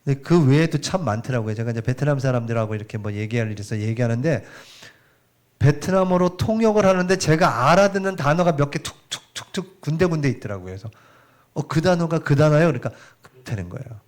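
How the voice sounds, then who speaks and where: A middle-aged man preaching a sermon in a church, chatty and animated, asking the congregation questions as he goes. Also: mid-range voice, fast talker. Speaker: pastor. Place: church sanctuary.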